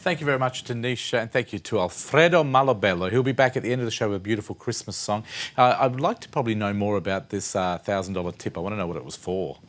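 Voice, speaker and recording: A man co-hosting a TV show, presenting briskly and upbeat. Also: lowish voice. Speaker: TV show co-host. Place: television studio.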